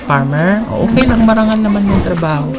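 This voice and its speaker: A woman's voice: medium pitch, brisk, loud music behind the voice. A woman from the Philippines vlogging as she hands out aid, talking in a coaxing, motherly way and laughing easily. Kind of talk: casual on-camera chat.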